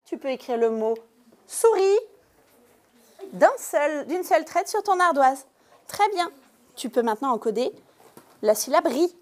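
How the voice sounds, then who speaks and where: In a primary school classroom, a woman teacher with a high, animated, darkish voice gives a lesson to young pupils. She speaks slowly and clearly, stressing every syllable.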